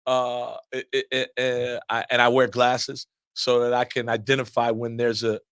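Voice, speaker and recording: An assistant basketball coach answers press conference questions in a loud, smooth, mid-range voice at normal speed, recorded cleanly in a studio with no echo. Steady and earnest, he restarts frequently and repeats words as he builds his answers.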